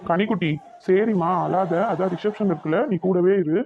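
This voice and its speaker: A woman voicing a gentle, patient young groom in an animated series, talking calmly and soothingly. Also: fairly low pitch, moderate pace, slightly rough. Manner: calm, soothing, indulgent. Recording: slightly dull lo-fi sound.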